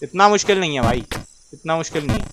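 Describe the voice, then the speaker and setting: A man hosting a casual let's-play, talking straight to his viewers and swinging between loud cheering and low muttering. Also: expressive, fast talker, a little hiss or hum. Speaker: gaming video host.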